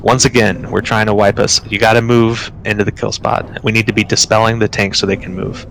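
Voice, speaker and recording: Man, raid leader, low gravelly delivery, patient explainer who snaps into fast commands. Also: slight background noise, rough recording. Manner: explains calmly, then barks quick commands. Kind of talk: live game commentary.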